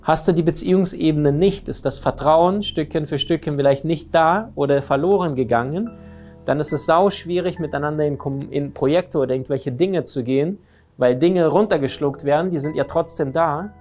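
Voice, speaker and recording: A man giving a lively motivational talk on relationships, often asking his listeners questions. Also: fairly high pitch, moderate pace, soft background music. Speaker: speaker on communication and relationships.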